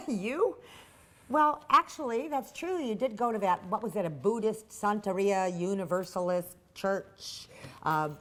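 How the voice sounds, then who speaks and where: A woman playing a pushy, flirty office coworker in a training skit, loud and teasing. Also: mid-range voice, measured pace, lightly acted. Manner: loud, teasing, laughs often. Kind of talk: training video role-play.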